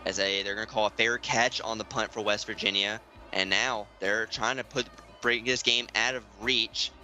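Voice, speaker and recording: A man doing play-by-play commentary for an online football game, keeping his voice hushed and excited, climbing high and loud on big plays. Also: normal speed, poor audio. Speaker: play-by-play announcer. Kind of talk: sports commentary. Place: home room, streaming.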